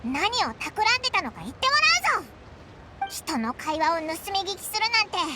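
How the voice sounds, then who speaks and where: A woman voicing a small childlike companion creature in an anime game, brash and suspicious, with squeaky voice and blunt boyish speech. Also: sing-song, brisk, very noisy. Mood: suspicious, accusing. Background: loud music.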